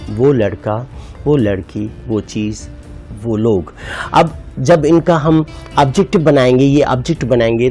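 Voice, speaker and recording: A man teaching a grammar lesson, patiently repeating words slowly for learners, with faint music behind him. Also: medium pitch, darkish tone. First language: Hindustani. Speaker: English teacher. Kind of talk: slow explanatory lesson.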